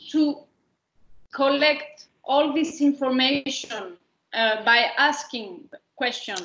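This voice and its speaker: A woman leading an online teacher workshop, speaking slowly and hesitantly with many fillers over a video call. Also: high voice, a bit bright. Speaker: workshop presenter. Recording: echoey, dull video call audio.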